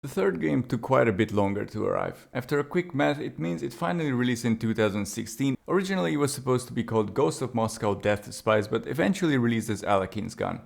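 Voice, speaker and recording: Gravelly-voiced male game reviewer. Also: mid-range voice, expressive, fast, hardly any pauses. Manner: opinionated, wry asides. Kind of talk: scripted video review narration.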